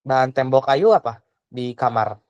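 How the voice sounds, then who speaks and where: A woman's voice: very deep voice, animated, normal speed, a little mellow, no echo, dull audio. A young woman tutoring a child, patient and full of questions, often trailing off with a casual tag. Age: young adult. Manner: patient, asks many questions, trails off with "gitu". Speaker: private tutor. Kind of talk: online tutoring lesson.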